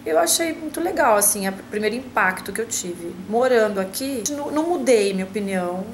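A woman's voice: mid-range voice, animated, fairly quick, slight background noise, poor audio. A woman from Brazil talking casually to camera at home, chatty and hesitant, with many restarts and fillers. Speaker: vlogger answering a tag.

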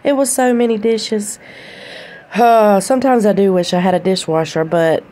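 A woman's voice: mid-range voice, steady tone, moderate pace, dark tone. A woman, chatting casually in a voice-over about her cleaning day. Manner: chatty, down-to-earth, laughs at herself. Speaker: cleaning vlogger.

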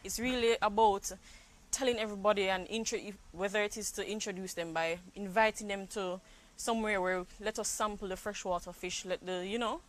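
A woman, speaking on a fisheries panel in a measured, reassuring way. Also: medium pitch, fairly even intonation, low-quality recording. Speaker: fisheries project manager. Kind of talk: panel discussion. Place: outdoor garden set. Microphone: lapel.

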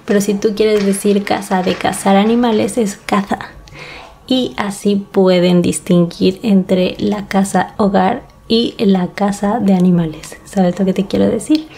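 A gravelly, dark voice of medium pitch carries this casual podcast monologue, delivered at a measured pace with fairly even intonation and few pauses. The host is a woman in her thirties with a Mexico City Spanish accent, addressing listeners candidly and directly, with slight background noise.

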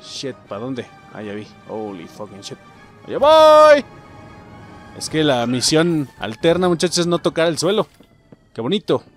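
A young Mexican man giving excitable, casual gameplay commentary, swearing freely and talking to his viewers. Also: medium pitch, moderate pace, soft background music. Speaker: gameplay streamer.

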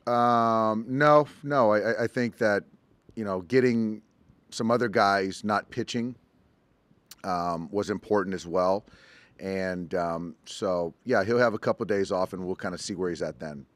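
A middle-aged man, a baseball manager, answering postgame press conference questions in a measured, halting way with many ums, at a table mic. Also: on the low side, no room sound. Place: press conference room, indoors. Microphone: table mic in front.

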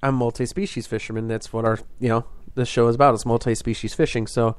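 A man's voice: mid-range voice, flat delivery, fast talker, clear, resonant tone, no echo. A man hosting a fishing podcast, explaining things in a casual, rambling way full of fillers and restarts.

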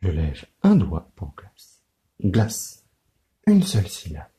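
With a mellow voice that sits low but swings hugely in pitch, a man leads a children's lesson on syllable counting. He talks in a slow, clear, sing-song way, like a teacher.

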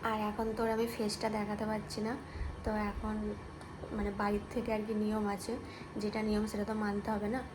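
A woman, a new mother, chatting casually to her viewers as friends in a home vlog, talking softly so she won't wake her baby. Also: medium pitch, monotone, a little fast, background noise. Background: background music.

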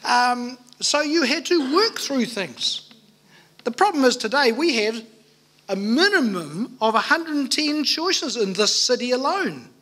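Sex: man. Role: pastor at a pulpit microphone. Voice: high. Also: big pitch swings, a little slow, sharp tone. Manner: earnest, emphatic, with rhetorical questions. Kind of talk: sermon.

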